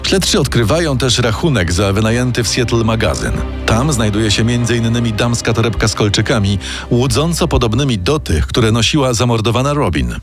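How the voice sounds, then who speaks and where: A man narrates a scripted true-crime story at a brisk pace. His voice sits in the middle range but moves about lively, and music can be clearly heard underneath.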